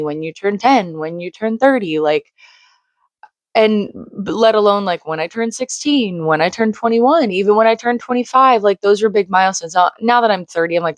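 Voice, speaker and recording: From a home room beside a shared wall, a woman vlogger in her late twenties rambles on earnestly, saying "like" constantly. Her lowish voice is slightly crackly from screaming, and the recording is dry.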